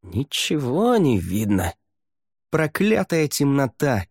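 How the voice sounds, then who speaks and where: A man voicing a commanding, sharp-tongued female pirate captain in an audiobook. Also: mid-range voice, huge pitch swings, slow pace, husky, pitched above the performer's own voice, exaggerated voice. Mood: snappish. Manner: commanding, snappish.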